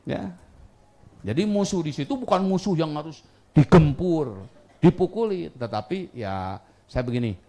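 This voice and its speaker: A man preaching a sermon to a live audience, telling animated stories with a touch of humor. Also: fairly high pitch, measured pace. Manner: lively, animated storytelling with acted quotes and humor. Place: lecture hall with audience.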